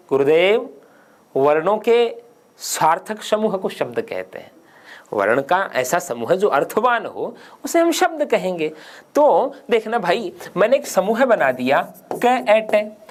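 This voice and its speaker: Male grammar teacher, studio lecture, animated up-and-down delivery, quizzes and answers himself. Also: high voice. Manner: emphatic, asks and answers his own questions. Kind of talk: exam-prep grammar lecture.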